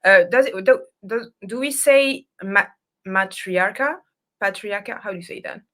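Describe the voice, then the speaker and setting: A woman's voice: mid-range voice, normal speed, pushed and bright. A woman from France with a French accent, a native French speaker, a podcast guest who speaks hesitantly in English and searches for words. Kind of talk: interview.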